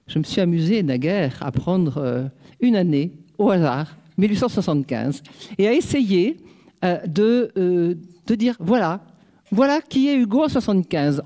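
A woman lecturer speaks in an academic talk, her pitch rising and falling with animated expression. Her voice is mellow and warm. She pauses often on fillers and slips in dry, wry asides. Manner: hesitant, with frequent "euh" fillers. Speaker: literature lecturer.

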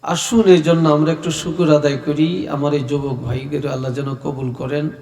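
Slow soft-spoken middle-aged preacher, echoing. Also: male voice, on the high side, flat delivery. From Bangladesh. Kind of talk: sermon at an open-air gathering. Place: open-air religious gathering. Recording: echoey reverberant public address.

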